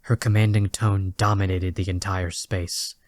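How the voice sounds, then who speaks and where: A man narrates scripted dramatic fiction in a low, even voice, using measured literary phrasing. The recording is close and dry, with no echo.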